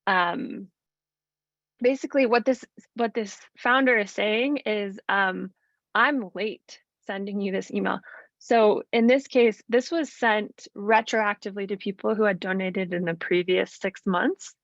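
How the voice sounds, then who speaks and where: A woman's voice: mid-range voice, fairly even intonation, unhurried, no echo, lo-fi sound. A woman presenting a fundraising webinar in a friendly, conversational way, with frequent ums. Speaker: nonprofit fundraising trainer.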